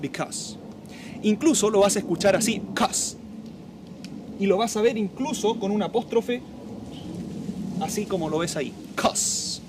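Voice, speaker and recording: A man's voice: high voice, noisy background. A man who speaks Spanish as his first language, teaching English in a lesson and drawing out model words to be repeated. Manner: slow, drawn-out model pronunciations with lively teacherly emphasis.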